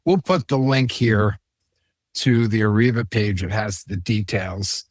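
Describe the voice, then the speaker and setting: A man's voice: on the low side, unhurried, no room sound. A man hosting a real estate show, chatting casually in a rambling, joking way with many asides. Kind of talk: casual on-camera chat.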